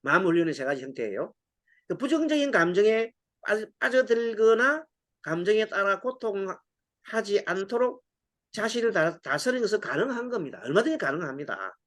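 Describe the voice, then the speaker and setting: A middle-aged male monk gives a sermon in a high voice that swoops up and down. He tells anecdotes, acts out little exchanges and laughs along the way. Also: moderate pace. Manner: lively storytelling, acts out dialogue, laughs often. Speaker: Buddhist monk giving a Sunday lecture. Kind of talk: dharma talk with anecdotes.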